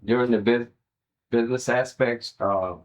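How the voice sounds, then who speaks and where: A man's voice: mid-range voice, fairly even intonation, normal speed. A man giving an oral history interview, sharing recollections as an interviewee.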